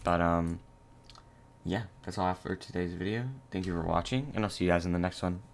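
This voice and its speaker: A young man narrating a casual gameplay tutorial, halting and low-key with many fillers. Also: vocal fry, a little hiss or hum. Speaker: gaming channel host.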